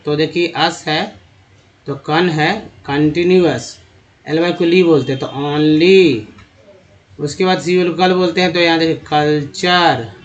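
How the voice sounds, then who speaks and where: A man with a Hindi accent teaching English reading by sounding out letter groups slowly and repeating each word. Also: fairly high pitch, lo-fi sound. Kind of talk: slide-based phonics lesson.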